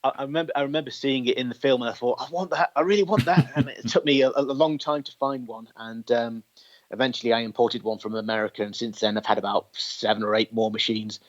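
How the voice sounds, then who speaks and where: A man with a mid-range voice talks fast and with fairly even intonation as a guest on a podcast, where he collects tape machines. In this conversational interview he explains technical details at length, and the recording sounds dull and lo-fi.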